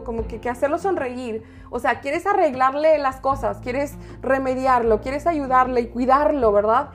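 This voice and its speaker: A woman with a high, bright voice talks through relationship advice in a loose, playful way, laughing often and tripping over her words. Faint music runs quietly behind her. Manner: playful, chatty, laughs often, many restarts. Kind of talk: casual advice talk.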